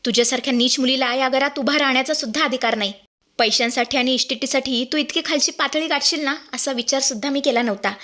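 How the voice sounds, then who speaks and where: A woman's voice: high-pitched, fairly even intonation, fast talker, bright, forceful tone. A woman voicing an older grandmother, the proud head of a household, bitter and scolding. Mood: furious.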